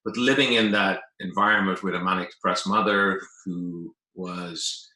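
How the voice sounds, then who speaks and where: With a deep, steady voice at a moderate pace, this Irish interviewee in his fifties recounts his own story in a chatty way. His tone comes across bright and forceful. Echo from the room is noticeable in the recording.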